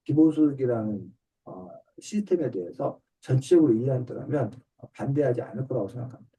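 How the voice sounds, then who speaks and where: During an online book discussion class, a middle-aged author and reading teacher courteously walks a student through answers in plain, step-by-step language. He speaks fairly quickly in an expressive, dark, mid-range voice, picked up by a distant mic on the video call.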